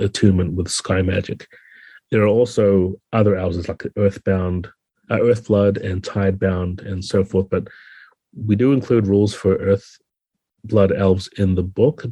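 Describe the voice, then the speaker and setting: Low, mellow and husky-grained, this game designer's voice comes through close and dry, with no echo, as he speaks as a podcast guest. He explains things in a thoughtful, conversational manner.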